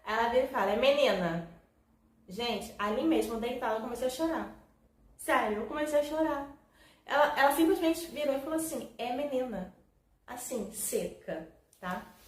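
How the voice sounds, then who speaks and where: A woman's voice: a little high, normal speed. A woman in her thirties from Brazil, telling her own story to camera in a chatty, emotional way and often turning to her viewers. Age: 30s. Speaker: vlogger. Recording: echoey room.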